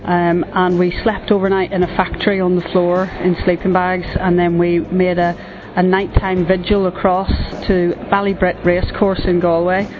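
Middle-aged woman, Northern Irish accent, reflective storytelling, slightly low pitch, dull lo-fi recording. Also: little pitch movement, moderate pace. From Northern Ireland. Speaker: storyteller sharing a personal memory. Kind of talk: reflective personal recollection. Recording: dull lo-fi audio. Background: music.

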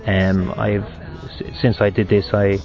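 A man in his thirties with a west of Ireland accent, a seminarian giving a personal faith testimony in a halting, reflective way. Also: fairly low pitch, flat delivery, lo-fi sound, faint music behind. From Galway, west of Ireland. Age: 30s.

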